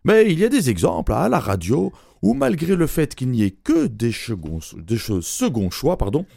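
A man's voice: medium pitch, huge pitch swings, moderate pace, vocal fry, warm tone, no room sound, studio quality. A man giving a humorous radio chronicle, teasing and joking, laughing between his lines. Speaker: radio columnist.

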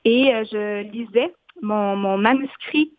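Une femme avec un accent de la Haute-Côte-Nord, autrice invitée en entrevue radio, qui parle de façon réfléchie avec beaucoup d'hésitations. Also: female voice, fairly high pitch, slow pace, no echo. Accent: Haute-Côte-Nord Quebec French. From Côte-Nord, Quebec. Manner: thoughtful, many fillers. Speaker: author guest. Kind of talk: radio interview. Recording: tinny phone-like line, dry.

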